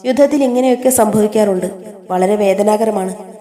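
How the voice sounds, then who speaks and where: A woman reading the lines of a grieving young widow from a play script, in an even reading voice. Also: medium pitch, moderate pace, lightly acted. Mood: subdued. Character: grieving young widow who becomes the queen. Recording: echoey room.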